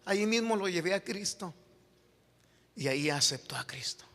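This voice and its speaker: A man, a pastor telling a story in his sermon that builds to shouted preaching. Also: sits high, expressive, moderate pace. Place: church sanctuary. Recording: echoey hall reverb.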